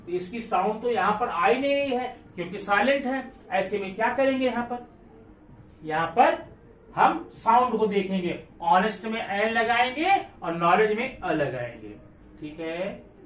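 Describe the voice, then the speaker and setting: This classroom grammar lesson was recorded from afar in a room with echo, with some hiss or hum present. The male teacher, whose voice is high and slightly bright, repeatedly poses questions to his students and repeats important words.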